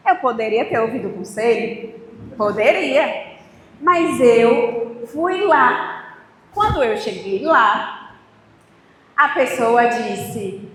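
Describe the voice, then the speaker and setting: A woman giving a preached testimony, telling her story with animated acted-out dialogue. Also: high voice. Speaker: testimony speaker at a church. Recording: echoey hall with reverb, faint ambience.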